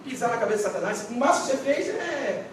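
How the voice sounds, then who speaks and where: A man's voice: very high voice, big pitch swings, fast talker, a little hiss or hum. A male pastor preaching a dramatic sermon at a church service. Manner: dramatic, swings from quiet to shouting. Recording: echoey church hall, distant mic.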